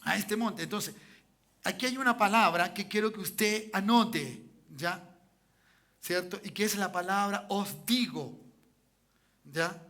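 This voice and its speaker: A man preaching in a church, his voice sitting high for a man and ringing very bright and forceful. He drives his points home by repeating them and keeps checking in with his congregation. He asks them for amens as he goes. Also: takes it slowly, pauses often. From Chile. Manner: repetitive, peppers lines with "¿cierto?" and "¿ya?". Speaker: pastor. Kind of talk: sermon.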